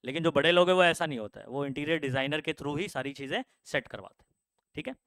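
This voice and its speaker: A young male teacher gives an easygoing classroom talk about career paths, often pausing to check that students follow and leaning on fillers. He speaks fast and expressively in a slightly high, somewhat bright voice. The audio has no echo.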